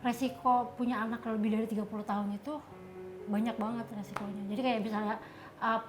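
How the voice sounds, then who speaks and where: A woman in her thirties with an Indonesian accent, a panel guest speaking brisk and confident. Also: a little high, little pitch movement, over music. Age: 30s. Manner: brisk, confident, laughs easily. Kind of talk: casual chat.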